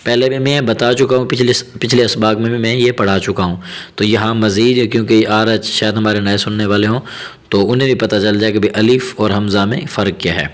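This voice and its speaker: A man teaching Quran reading in a recorded tajweed lesson. He explains patiently, checks in often with his students, and drills each syllable slowly several times. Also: on the low side, fairly even intonation. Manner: patient explaining with frequent "theek hai" check-ins.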